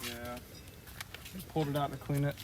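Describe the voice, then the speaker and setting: A man's voice: mid-range voice, fairly even intonation, normal speed, darkish tone, slight background noise. A man working on cars, giving short casual answers on camera. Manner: brief, laconic answers. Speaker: home mechanic.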